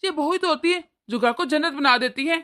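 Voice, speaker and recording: A woman doing an older cartoon father-in-law, calm and moralizing, with a high voice that stays bright and forward, patient and fatherly as he talks his wife through what went wrong. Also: a little fast. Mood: lecturing. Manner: lecturing, gentle moralizing. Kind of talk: cartoon voice acting.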